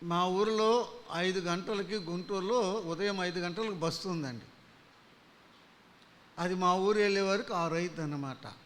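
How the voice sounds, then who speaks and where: Impassioned high-voiced man preaching. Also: measured pace, pauses often. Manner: impassioned, swinging from loud pleas to hushed storytelling. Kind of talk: gospel sermon.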